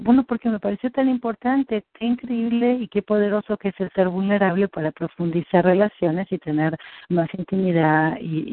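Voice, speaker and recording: A woman's voice: fairly low pitch, no room sound. Woman coaching over a tinny call line. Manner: encouraging, many restarts, acts out her own thoughts. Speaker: business coach. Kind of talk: coaching conversation. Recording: tinny phone-like call audio.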